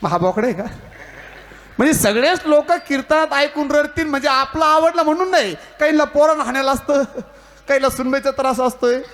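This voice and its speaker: High-voiced man preaching a comic kirtan. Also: fairly quick, fairly bright tone. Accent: Marathi. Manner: storytelling with jokes and mimicry, teasing the audience. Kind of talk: humorous devotional sermon.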